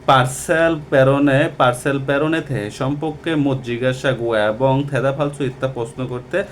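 A man teaching Korean vocabulary from a textbook, talking slowly and repeating each word with many hesitations. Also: mid-range voice, fairly even intonation, a little hiss or hum. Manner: slow and repetitive, with many hesitations. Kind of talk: textbook lesson explaining vocabulary.

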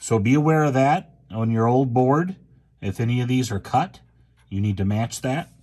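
A man casually walking through his own furnace repair off camera, plain and unhurried, with many ums and restarts. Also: medium pitch, warm tone. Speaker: homeowner showing a repair. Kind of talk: casual DIY walkthrough.

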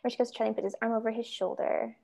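A woman's voice: fairly high pitch, little pitch movement, very fast, vocal fry, darkish tone, slight background noise. A woman reading stage directions aloud in a matter-of-fact way during a script read-through.

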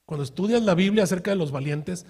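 A male pastor preaches in a husky, fairly high voice. He tells the story with vivid acted-out quotes and rhetorical questions to the congregation. His delivery swings between hushed asides and loud, forceful bursts. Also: fast. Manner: shifts from quiet asides to loud shouted outbursts. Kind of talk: sermon.

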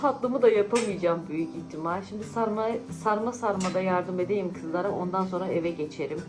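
A woman's voice: lowish voice, fairly quick, music in the background, low-quality recording. A tired woman vlogging in casual, teasing chat with friends at a friend's home. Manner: chatty, teasing, often laughing.

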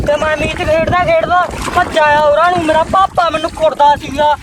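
A man's voice: very high voice, little pitch movement, brisk, noisy background. A man with a Punjabi accent playing a frightened, hungry village boy who has run away from home, pleading in a whiny voice. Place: outdoors by rice fields.

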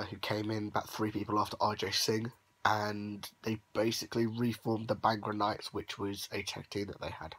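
Sniffly and unwell, the young man's voice comes out hoarse and worn out, lowish but a bit bright. This young adult vlogger is lying on his bed in his bedroom at night, rambling through a casual recap with many ums in an upbeat way, speaking into a phone held close at arm's length on a low-quality recording.

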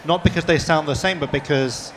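A man's voice: on the high side, fairly quick, long reverb tail, a crowd in the background. A man moderating a panel discussion, asking long questions with many restarts. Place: panel session at a book fair.

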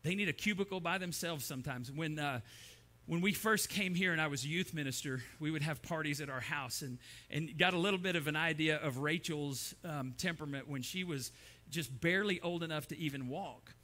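Brisk and sharp-toned, a middle-aged man with a fairly high voice preaches a sermon in a church sanctuary. As pastor, he tells stories and acts out the voices within them.

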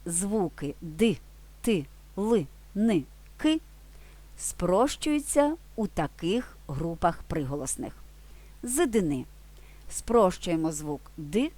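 A woman teaching a language lesson in a scripted video, slowly and clearly reading out word pairs. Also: fairly low pitch, mellow, no echo.

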